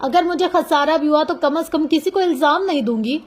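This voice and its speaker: Storybook heroine: proud defiant young woman, sharp and emphatic, read by a woman, high voice. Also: brisk, natural voice. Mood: resigned.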